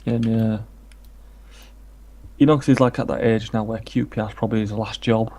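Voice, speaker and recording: A man's voice: on the low side, steady tone, normal speed, dark tone. A man from England chatting casually about football while streaming a game, rambling from point to point. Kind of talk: casual chat while gaming.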